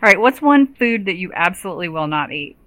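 An American-accented woman hosting a podcast, conversational and expressive, with emphatic reactions. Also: fairly low pitch, quick pace, dry recording, poor audio. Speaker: podcast host.

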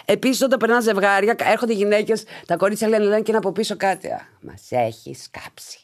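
A woman hosts a podcast and talks casually to her listeners in a chatty monologue. Her pitch swings widely as she goes, and she swears freely in an animated way. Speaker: podcast host.

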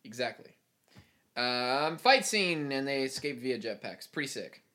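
A man's voice: medium pitch, animated, a little slow, bright, forceful tone. A man hosting a podcast, casually recapping a film plot in a rambling way with many fillers. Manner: rambling, filler-heavy storytelling. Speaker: podcast host.

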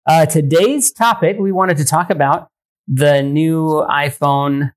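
A man co-hosting a tech podcast, talking casually in a rambling, hesitant way with many pauses and frequent laughs. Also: on the high side, fairly even intonation. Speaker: podcast co-host.

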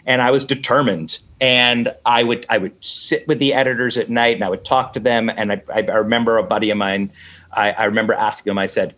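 A man's voice: mid-range voice, fairly even intonation, fairly quick, fairly bright tone. A middle-aged man, an interview guest, telling a story casually and acting out both sides of the conversations.

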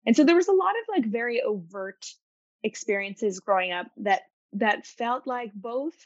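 A woman's voice: on the high side, animated, no room sound. Young female designer guest from Arkansas, reflective storyteller, dry and slightly lo-fi video-call audio. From Arkansas, United States. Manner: thoughtful, measured storytelling. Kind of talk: reflective interview answers.

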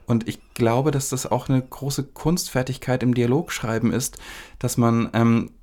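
A man talking about a film in a measured, analytical way, building long sentences with small fillers. His voice sits at a middle pitch. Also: fairly even intonation, darkish tone. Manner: thoughtful, elaborate sentences with fillers. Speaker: film discussion co-host. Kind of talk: analytical conversational talk.

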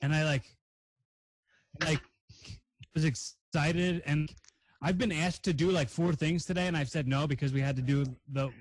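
Chatty male co-host, teasing, a touch high-pitched. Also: steady tone, moderate pace, pauses often, no room sound, poor audio. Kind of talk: casual chat.

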